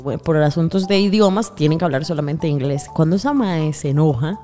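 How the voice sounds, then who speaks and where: A woman's voice: low-pitched, fairly quick, warm tone, faint music behind. A young woman chatting on a podcast, telling anecdotes and acting out quotes with laughter. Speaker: podcast host. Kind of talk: casual chat.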